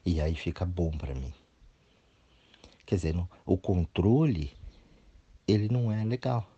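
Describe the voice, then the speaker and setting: A man speaking as a therapist in a blunt, no-nonsense talk. His voice is deep and dark with a husky edge, and his pitch swings widely as he mocks whiny excuses. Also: lively intonation, unhurried, muffled recording. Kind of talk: motivational talk.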